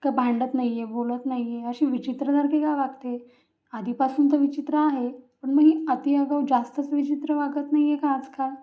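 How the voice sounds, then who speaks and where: A woman's voice: high voice, level tone, normal speed, close to an everyday voice. A woman voicing a puzzled young husband brooding over his wife, in a musing, questioning tone. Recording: tinny phone-like sound.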